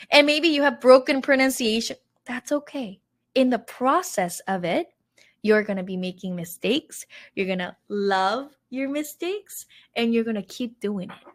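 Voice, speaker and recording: Her fairly high, fairly bright voice carries a motivational, encouraging tone as this woman in her thirties teaches an online language masterclass. Along the way she acts out her own past words.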